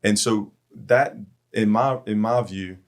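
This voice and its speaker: A man's voice: on the low side, takes it slowly. A middle-aged man hosting a church men's podcast, telling stories in an earnest, heartfelt way. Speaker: podcast host.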